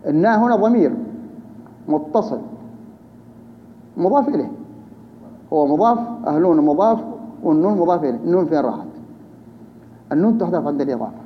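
A man leads a grammar class, his voice sitting a little high. He breaks each rule down step by step and keeps asking his students questions. The recording is dull and lo-fi, with a long hall reverb and faint background noise. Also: lively intonation, quick pace, long pauses. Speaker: Arabic grammar teacher.

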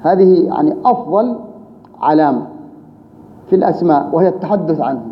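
A man's voice: fairly high pitch, brisk. A man teaching Arabic grammar, explaining patiently, repeating key terms and asking rhetorical questions. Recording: roomy reverb, dull lo-fi sound, faint hiss.

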